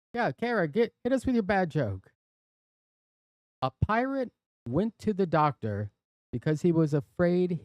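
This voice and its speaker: A man's voice: on the high side, warm tone, no echo. A man hosting a live stream from his workshop, chatting casually and playfully reading out viewer jokes. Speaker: livestream host. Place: workshop and studio.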